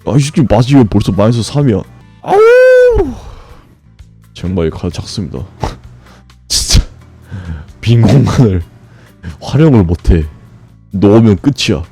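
A man streaming a game, grumbling and swearing at it, then breaking into sudden high shouts. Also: expressive, moderate pace, breathy edge, soft background music. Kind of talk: frustrated live gameplay commentary.

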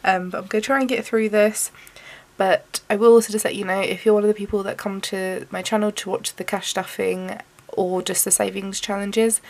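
A British woman chatting casually as a budgeting vlog host in her bedroom, sounding rough with illness and slightly wheezy. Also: mid-range voice.

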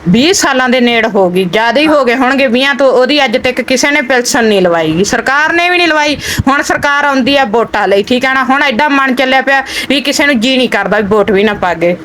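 High, fast-talking pleading woman. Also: expressive, a bit bright, a little hiss or hum. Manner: earnest, pleading, plain-spoken. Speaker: family member appealing for help. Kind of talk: casual talk to a visitor.

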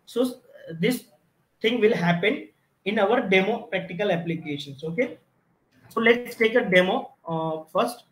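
A man's voice: high voice, unhurried. A man teaching a technical lab demonstration, explaining step by step with frequent restarts and repeated "you can see". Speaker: instructor. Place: automation lab with equipment. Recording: echoey room.

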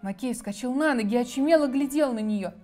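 A woman reads a children's fairy tale with a fairly high, soft voice. Quiet music plays behind her. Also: fast. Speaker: storyteller.

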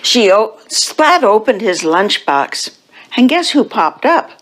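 A woman at a church service reading a children's picture book aloud, with slow, expressive storytelling. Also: mid-range voice, rough recording.

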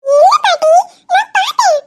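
Cartoon little girl, very high and tearful, insistent, voiced by a woman. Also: expressive, normal speed, darkish tone, no echo, studio quality. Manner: high, earnest child's pleading.

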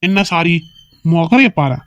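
A man's voice: fairly high pitch, lively intonation, unhurried, a bit bright, clean tone, no room sound. A man voicing a young male friend in a cartoon skit, ribbing and bluntly scolding his buddy.

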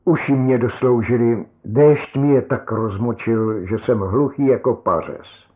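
A man's voice: medium pitch, warm tone, lightly acted. A man voicing a weary, grim soldier stranded in endless rain, speaking bluntly and with bitter resignation.

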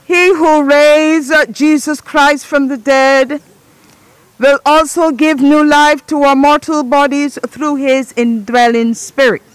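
Woman officiant at an outdoor graveside; high-pitched, unhurried, solemn recitation of burial prayers. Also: little pitch movement, dry recording, rough recording. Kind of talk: reading a funeral liturgy.

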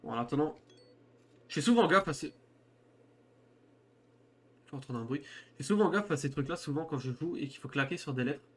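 A man's voice: a little high, fairly quick, long pauses, a bit bright. A young man streaming a horror game, reacting in informal, slangy, joking commentary. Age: young adult.

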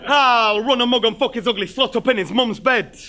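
A man's voice: very high voice, a crowd in the background. A man performing a rhymed rap battle verse at a live venue, firing brash insults. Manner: brash, rhymed insults delivered fast and loud. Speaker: battle rapper.

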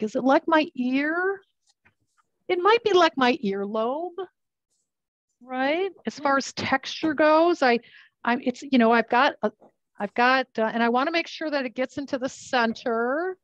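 Woman, cooking instructor, chatty, fairly high voice, muffled dry recording. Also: no room sound. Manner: chatty, explains while working with her hands. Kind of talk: live cooking demonstration.

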